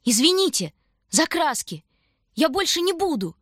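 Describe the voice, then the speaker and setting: A woman voicing a proud, touchy young girl in an audiobook, shouting desperately over a crowd. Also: low-pitched, fast talker, no room sound, clean studio sound. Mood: frantic.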